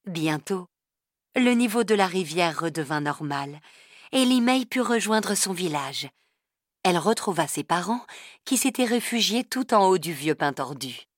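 Woman storyteller, slow unhurried pace, dry close sound, calm children's story reading. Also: lowish voice, no room sound. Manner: calm, even storybook narration.

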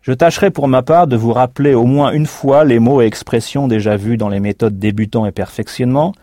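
A man's voice: medium pitch, a little fast, mellow, no echo, studio quality. A man teaching in a recorded language course, explaining patiently and spelling words out letter by letter. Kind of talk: recorded language lesson narration.

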